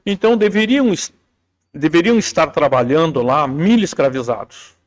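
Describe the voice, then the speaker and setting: Slightly high-voiced man telling stories. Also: expressive, moderate pace. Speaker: writer and interview guest. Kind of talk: casual interview chat.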